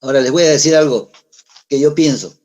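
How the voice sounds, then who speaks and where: A man's voice: on the high side, fairly quick, darkish tone. A middle-aged man, preaching a sermon in a conversational way, asking the congregation rhetorical questions. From Peru. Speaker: pastor.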